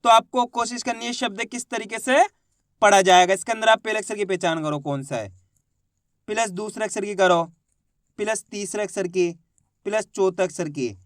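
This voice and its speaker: A man's voice: high voice, normal speed, fairly bright tone, dry recording, studio quality. A man teaching reading in an online lesson, sounding out words syllable by syllable and then blending them, while coaxing his viewers along as friends.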